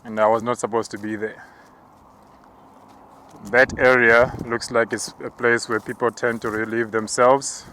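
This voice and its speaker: A man preacher walking outdoors and narrating spiritual visions in a hushed, halting, contemplative way. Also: medium pitch, flat delivery, a little hiss or hum. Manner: slow, hushed, halting and contemplative, with tongues-like words. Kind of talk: spoken prayer walk, narrated visions.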